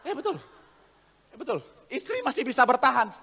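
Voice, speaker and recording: A male pastor preaching an animated sermon in a church, joking with the congregation and acting out the voices of people in his stories. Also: extremely high pitch, normal speed. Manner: jokes with the congregation. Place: church sanctuary. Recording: long church hall reverb.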